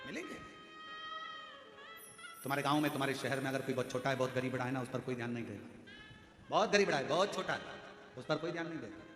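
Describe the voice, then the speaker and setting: A man preaching a devotional sermon to a large live gathering, swinging between loud high exclamations and soft low pleading, acting out quoted voices. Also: fast, long pauses, soft background music. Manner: acts out quoted voices in his talk. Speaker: religious storyteller preacher. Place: large religious gathering hall. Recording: echoey hall with long reverb.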